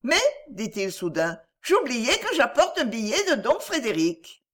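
A woman puts on an eager little boy, high and bright, his lilting voice full of affection. Keep it light and sweet, the way a child speaks in a storybook. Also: sing-song, measured pace.

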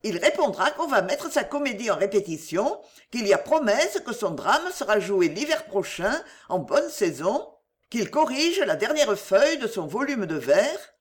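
A woman reading a storybook and voicing a cautious, tender mother who speaks gently but firmly. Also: on the high side, big pitch swings, unhurried.

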